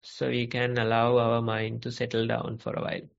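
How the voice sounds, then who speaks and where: A man, a Buddhist monk calmly advising questioners on an online call, measured and gentle. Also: medium pitch, vocal fry. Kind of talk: calm teaching Q&A on an online call. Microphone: video call. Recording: muffled online call audio.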